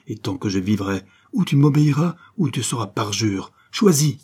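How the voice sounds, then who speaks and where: A man's voice: fairly low pitch, normal speed, a little mellow, slightly rough. A man reading an audiobook, voicing an embittered, vengeful noblewoman who scolds her son in a stern, commanding way. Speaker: audiobook reader.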